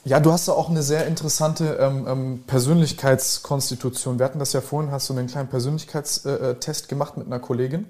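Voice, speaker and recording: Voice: mid-range voice, fairly even intonation, fast talker, few pauses, darkish tone. A podcast host asking questions and thoughtfully paraphrasing the guest's answers. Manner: reflective, paraphrases what the guest says. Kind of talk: interview questions.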